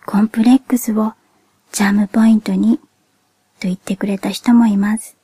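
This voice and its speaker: Soft whispery podcast girl, grown woman w cute anime kinda voice, super mellow n gentle, dry close sound. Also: mid-range voice, flat delivery, breathy edge, no room sound. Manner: gentle, polite, measured delivery. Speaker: podcast host.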